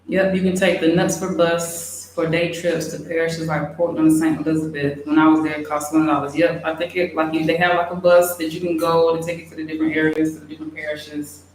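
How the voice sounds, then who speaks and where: A young woman chatting casually, reading out and answering viewer questions in a relaxed way with many fillers. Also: low voice. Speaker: expat vlogger. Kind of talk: casual livestream Q&A. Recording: very echoey room, faint hiss.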